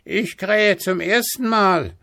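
A proud golden rooster on a church tower, calling down, as a man puts him on. The voice rises high above the reading voice, recorded close and dry. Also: slow, vocal fry, bright, forceful tone, no room sound, exaggerated voice.

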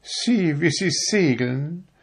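A man voicing a vain, proud female darning needle in a fussy, high, self-important way. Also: lively intonation, takes it slowly, breathy edge, full character voice. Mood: haughty.

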